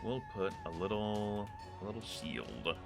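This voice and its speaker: A man running a tabletop game as game master, narrating scenes in a relaxed, storytelling way. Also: lowish voice, unhurried, vocal fry, over music.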